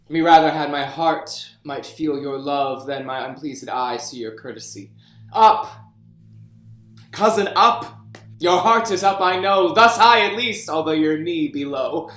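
Man acting a slow, wounded, proud king. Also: medium pitch, fairly bright tone, natural voice. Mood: wry, proud, then anguished, bitter. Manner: declamatory, deliberate. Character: deposed king, proud, wounded, bitterly theatrical. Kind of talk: Shakespearean staged reading. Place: indoors, remote video call. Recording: roomy, echoing home recording.

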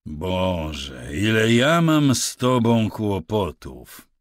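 A man voicing a weary, gruff ranch worker who talks bluntly in rough slang, plainly exasperated. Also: lowish voice, sing-song, drawn-out words, no room sound, clean studio sound, full character voice.

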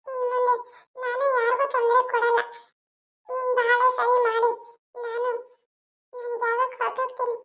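Cartoon ghost seeking peace, very high and monotone, eerie. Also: normal speed, long pauses. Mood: soothing. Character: restless ghost seeking peace, gentle and helpful. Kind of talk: cartoon voice acting.

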